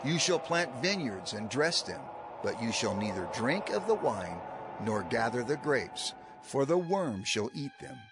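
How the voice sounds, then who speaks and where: A man's voice: medium pitch, big pitch swings, unhurried, noisy background. A man voicing Moses, a stern old prophet. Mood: grave warning. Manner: grave, declaiming, rhythmic cadence. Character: aged male prophet warning his people, solemn and stern. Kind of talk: dramatized scripture reading. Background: music underscore.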